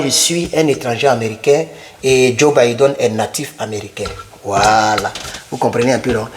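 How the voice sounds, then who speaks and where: Slow-talking man teaching English words. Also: mid-range voice, slight background noise. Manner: chatty, repeats words many times, asks viewers questions. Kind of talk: casual whiteboard lesson.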